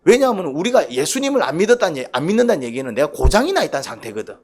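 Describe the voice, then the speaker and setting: A male pastor preaching a sermon in a church, animated, often asking the congregation questions. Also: a little high, rapid-fire.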